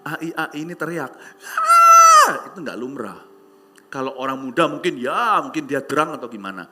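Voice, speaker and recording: A man preaching a sermon, telling stories animatedly and acting out voices with shouts and hushed asides. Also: medium pitch, animated, fairly quick, over music. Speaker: pastor. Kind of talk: sermon with storytelling.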